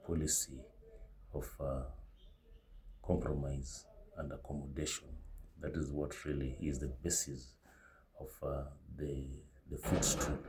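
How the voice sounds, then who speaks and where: A man giving a reflective monologue, speaking slowly and haltingly with many fillers. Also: rumbling low, warm tone. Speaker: commentator.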